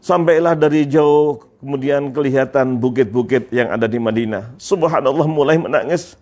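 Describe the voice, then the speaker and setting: A preacher from Indonesia telling a moving story in an emotional sermon, repeating phrases with feeling. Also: male voice, mid-range voice, moderate pace, darkish tone. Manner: repetitive, emotive narration with religious phrases.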